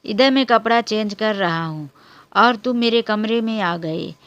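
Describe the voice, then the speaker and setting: A woman voicing an angry, spoiled teenage granddaughter who shouts and scolds in a storybook tale. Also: a little high, unhurried, dry recording, muffled recording, close to an everyday voice. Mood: outraged. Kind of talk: storybook character voice.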